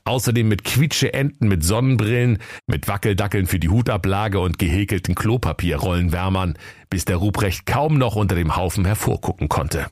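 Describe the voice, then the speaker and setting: Deep playful storybook narrator, a man. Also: moderate pace, a little mellow, no echo, studio quality.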